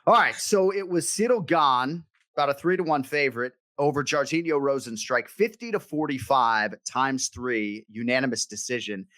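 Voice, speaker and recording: Male podcast co-host, mid-pitched, teasing banter, dry close mic. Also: sharp tone, no room sound. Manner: jokey, teasing, quick banter. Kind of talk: casual sports podcast chat.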